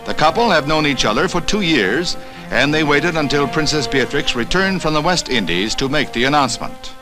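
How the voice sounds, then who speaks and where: A man narrating an old 1960s newsreel in a measured, formal announcer delivery. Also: on the high side, lively intonation, poor audio. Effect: old 1960s newsreel recording with music behind. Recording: old newsreel soundtrack with music. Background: music.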